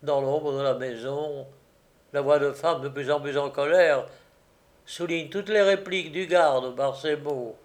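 A man narrating a story aloud in a measured, unhurried way. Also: on the high side, steady tone.

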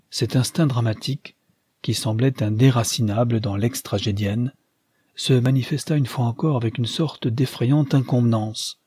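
A man narrating a classic novel in a measured, solemn audiobook reading. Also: mid-range voice, a little mellow, slightly rough, no echo.

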